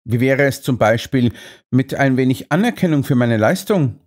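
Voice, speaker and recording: A man's voice: medium pitch, animated, moderate pace, a little mellow, lightly acted. A man voicing an earnest, indignant doctor companion in an audiobook. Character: earnest, put-upon male doctor companion.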